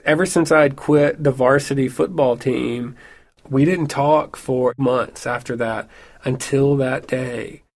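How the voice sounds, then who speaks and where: A man's voice: medium pitch, fairly even intonation, slow pace. A man in his thirties performing a personal story in a wry, conversational way, full of casual fillers.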